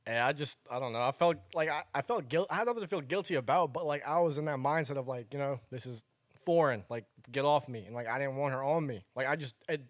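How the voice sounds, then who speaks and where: Quiet hesitant young man. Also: mid-range voice, fast talker. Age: young adult. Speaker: podcast co-host. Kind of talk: casual chat.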